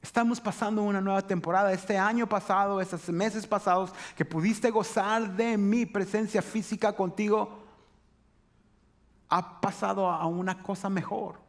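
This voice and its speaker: A man's voice: high-pitched, steady tone, moderate pace. A man preaching a sermon in church, often checking in with "¿verdad?". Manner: conversational preaching, frequent "¿verdad?" tags. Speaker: pastor.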